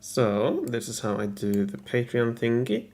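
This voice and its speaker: A man's voice: medium pitch, fairly even intonation, darkish tone. A man talking casually to his live audience while editing his video, making chuckling asides about his own takes. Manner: unhurried, chuckling asides to himself. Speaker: gaming video creator.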